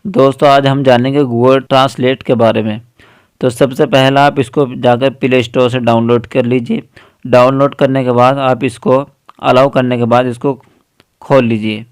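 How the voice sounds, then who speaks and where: A man talks slowly through a phone app tutorial, one step at a time, and pauses often on small fillers. His voice is smooth and resonant. It is recorded close and dry, with no room sound. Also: medium pitch, level tone, dry recording. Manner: patient step-by-step explaining, frequent fillers. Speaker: tutorial host.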